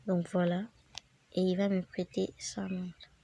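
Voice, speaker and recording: A woman's voice: fairly low pitch, level tone, a little slow, vocal fry, mellow. A woman with the flu giving a chatty, rambling game tutorial and speaking straight to her viewers. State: sick with the flu, voice affected. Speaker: gaming channel host. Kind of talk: casual game tutorial narration.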